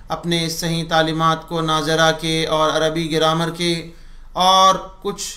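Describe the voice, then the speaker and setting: A man teaching Arabic letter sounds in a recorded audio lesson, drilling syllables slowly with short instructions. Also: a little high, sharp tone, echoey room.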